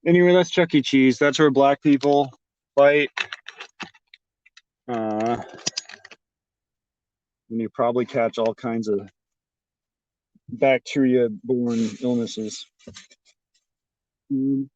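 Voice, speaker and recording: A man's voice: mid-range voice, slow, long pauses, a little mellow, a little hiss or hum. Rambling, foul-mouthed male streamer on a phone. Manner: offhand, profane, rambling with many fillers. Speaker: live streamer talking to chat. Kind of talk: casual rambling chat. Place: outdoors on city streets. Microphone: phone held by the streamer. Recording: slightly dull lo-fi phone audio.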